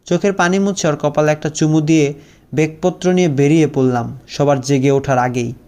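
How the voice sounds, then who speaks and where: A man's voice: on the high side, steady tone, brisk, a little mellow. A young man narrating a first-person story, with a sorrowful, heartfelt storytelling manner.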